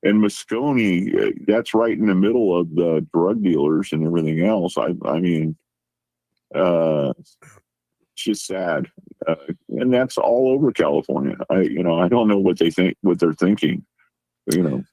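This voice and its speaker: A man's voice: low-pitched, lively intonation, unhurried, warm tone, no room sound, low-quality recording. A man guest chatting casually, telling a rambling anecdote and acting out the quoted lines. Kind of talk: casual chat.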